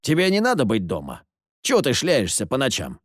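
A man's voice: mid-range voice, huge pitch swings, brisk, dry recording, clean studio sound. Man voicing a sickly, scornful stranger. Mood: sardonic. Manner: gruff, scornful, curses with Spanish words. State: ill, coughing. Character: sickly, sardonic grown man lurking in the dark.

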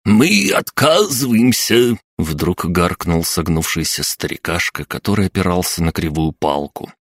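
Male audiobook narrator; very deep, sardonic, dry studio sound. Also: flat delivery, normal speed, a bit bright, dry recording. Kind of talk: first-person audiobook narration.

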